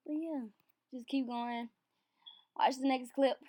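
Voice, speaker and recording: A young woman who vlogs about hair gives a casual how-to walkthrough, rambling in a chatty, loose way. Her voice sits high, with a steady tone and slow pace. Heavy background noise is present.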